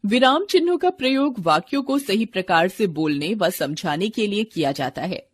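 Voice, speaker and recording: A woman reading a textbook lesson aloud to children in a deliberate classroom way, speaking to them directly. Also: medium pitch, husky. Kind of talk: scripted lesson narration for children.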